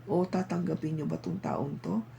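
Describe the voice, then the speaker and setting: A Filipino-accented tarot reader talks casually to the audience, coaxing with constant tag questions. The voice is very dark and mellow, with a lot of gravelly fry running through it. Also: medium pitch, huge pitch swings, moderate pace, a little hiss or hum, rough recording. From Philippines. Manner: chatty, coaxing, asks frequent tag questions.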